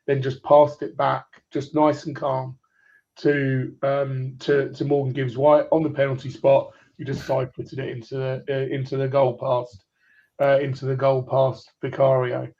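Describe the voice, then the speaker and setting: Man in his forties, clipped muffled phone line, flat even delivery, rambling football chat. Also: medium pitch, measured pace. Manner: rambling, restarts his points over and over.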